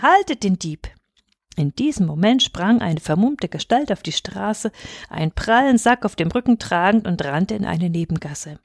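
A woman's voice: medium pitch, darkish tone, no echo. Woman narrating a folk tale, dry. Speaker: reader.

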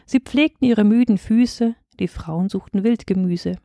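A woman narrating a rhyming Bible story for children, lively and changing her voice for the characters. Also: mid-range voice, unhurried, no echo, studio quality.

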